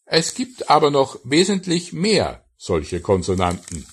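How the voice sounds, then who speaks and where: A man's voice: mid-range voice, wildly swooping pitch, unhurried, breathy edge. A man giving a scripted audio language lesson, carefully enunciating single words one by one and then translating each. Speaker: language teacher.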